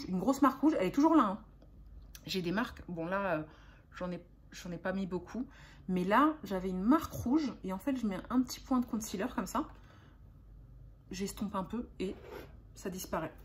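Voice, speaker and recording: A young adult woman chatting casually as a beauty vlogger, talking in a chatty, hesitant way with frequent fillers and restarts. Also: medium pitch. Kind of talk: casual haul chat.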